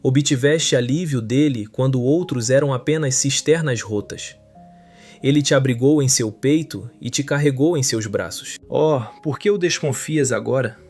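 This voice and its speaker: A man narrating a translated sermon in a solemn, measured preaching manner. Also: mid-range voice, a little mellow, soft background music. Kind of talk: scripted sermon reading.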